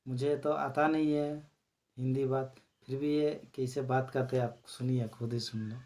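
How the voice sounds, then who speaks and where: A channel host speaks to his viewers in a medium-pitched voice, chatting casually while explaining a recorded call. He's relaxed, taking it slowly and using plenty of fillers.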